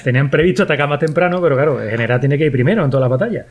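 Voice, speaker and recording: Rambling Spanish comic storyteller. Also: male voice, mid-range voice, animated, rapid-fire. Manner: crude, laughing, rambling. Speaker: comedy show host. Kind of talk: joking storytelling.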